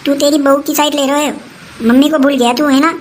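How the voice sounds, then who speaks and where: A woman's voice: high-pitched, steady tone, fairly quick, a little hiss or hum, lightly acted, low-quality recording. A woman playing a bossy, nagging old mother-in-law who scolds and threatens in rustic dialect, in a comic family skit. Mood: scolding.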